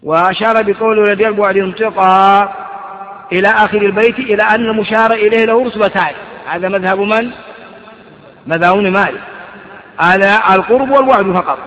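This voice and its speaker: A man's voice: high voice, a bit bright. A man teaching grammar. He reads a text aloud, then explains it with rhetorical questions. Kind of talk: classroom commentary on a grammar text. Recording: muffled, echoey lecture hall.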